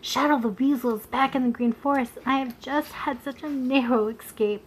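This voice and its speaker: A woman's voice: sits high, steady tone, crowd noise, pitched above the performer's own voice, lightly acted, rough recording. A woman voicing a frightened, boastful young male red squirrel who speaks hesitantly in a storybook. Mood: fearful. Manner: hesitant, quick-tongued.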